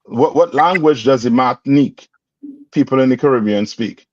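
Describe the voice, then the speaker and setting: In a dull, dry lo-fi recording with no room sound, a male class instructor quizzes his religious students and presses them to respond. His voice is mid-range and darkish, at normal speed, in a call-and-response format.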